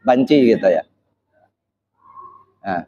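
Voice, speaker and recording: A man's voice: lowish voice, lively intonation, takes it slowly, mellow. Preacher quizzing his audience. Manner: questions the audience and presses them to answer; sprinkles frequent short "ya" checks between phrases. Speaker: Islamic preacher. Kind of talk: interactive religious study talk. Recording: slightly dull, muffled recording.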